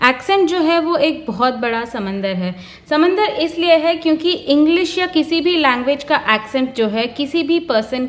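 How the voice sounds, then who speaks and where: A woman with a high voice explains interview tips in an earnest, emphatic way. She talks like a presenter giving career advice and drops English terms into her sentences.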